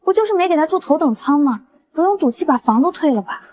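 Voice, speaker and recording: A woman's voice: sits high, lively intonation, fast talker, darkish tone. An actress playing a sly, two-faced young woman who stirs up trouble with insinuating remarks. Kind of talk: short drama acting.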